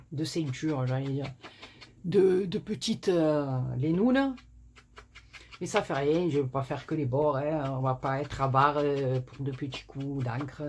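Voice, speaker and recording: A woman's voice: low-pitched, a little mellow, slight background noise. A woman from southern France hosting a chatty card-making tutorial at a small home desk, rambling and self-mocking with many fillers. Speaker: crafting channel host. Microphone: camera on tripod.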